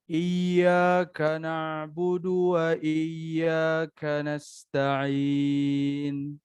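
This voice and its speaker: Man reciting very slowly and smoothly. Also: fairly high pitch, no echo. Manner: slow, careful, even recitation. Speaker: student teacher in training. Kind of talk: recitation practice.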